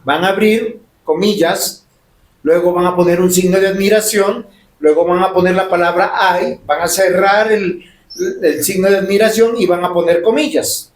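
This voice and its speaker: A man's voice: high-pitched, normal speed. A man preaching a sermon as pastor, emphatic and full of rhetorical questions. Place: church sanctuary. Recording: roomy church echo.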